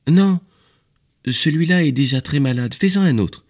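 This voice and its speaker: A man's voice: lively intonation, normal speed, darkish tone. A man voicing a curious, insistent little boy prince in an audiobook reading, with an eager, pleading tone. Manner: eager, pleading, high childlike tone.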